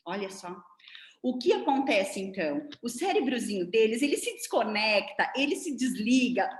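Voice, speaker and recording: Animated Brazilian woman lecturing on a video call. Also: fairly high pitch. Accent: Brazilian Portuguese. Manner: didactic, animated, demonstrating with her hands. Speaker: seminar lecturer. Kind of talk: online lecture. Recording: roomy echo.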